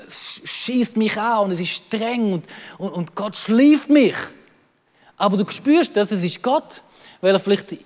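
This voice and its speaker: Man, Swiss German accent, lively sermon, high voice, long hall reverb. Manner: lively, acts out quoted voices, repeats words. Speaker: pastor.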